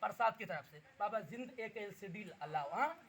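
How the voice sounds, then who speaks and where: A man working as a street magician, calling out loud hawker-style patter to the people at an outdoor village show. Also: high voice, animated, normal speed, a crowd in the background.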